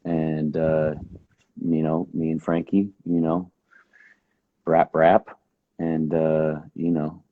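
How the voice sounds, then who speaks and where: A man's voice: rumbling low, monotone, takes it slowly, long pauses, dry recording, narrow, tinny audio. A man hosting a casual livestream chat, easygoing, with slang and fillers. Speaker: host.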